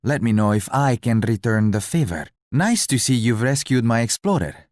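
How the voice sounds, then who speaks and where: An actor playing a courteous, stately male ruler in a strategy video game, with formal, measured, theatrical delivery. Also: mid-range voice, sing-song, darkish tone, no echo, clean studio sound, close to an everyday voice. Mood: courteous, pleased. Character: stately, courteous male colonial-era ruler, an allied leader. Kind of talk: scripted video game voice lines.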